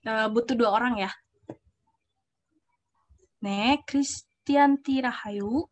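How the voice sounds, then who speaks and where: High-voiced young woman teaching a class. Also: slow pace. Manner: explains step by step, checks on students, mixes in Korean example phrases. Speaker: Korean language teacher. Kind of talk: online class lesson.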